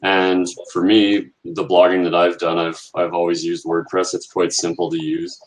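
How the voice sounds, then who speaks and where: A man co-hosting a casual online chat over a video call, hesitant and laid-back with many pauses. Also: deep voice, little pitch movement, faint music behind, poor audio. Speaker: co-host.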